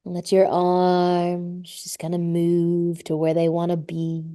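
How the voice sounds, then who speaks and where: A woman guides a yoga class at an unhurried pace, her voice soft and mellow. She stretches out her breath cues and talks people gently through each pose. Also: lowish voice, monotone, clean tone. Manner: slow, soothing cues with drawn-out breath prompts. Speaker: yoga instructor. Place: live class space.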